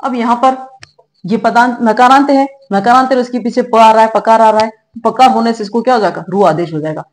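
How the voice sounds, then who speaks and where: A woman's voice: on the high side, a little fast. A middle-aged woman teaching a grammar lesson, explaining step by step and checking in often with her students. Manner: patient, explanatory, checks in with "ठीक है" and "है ना". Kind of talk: classroom-style grammar lesson.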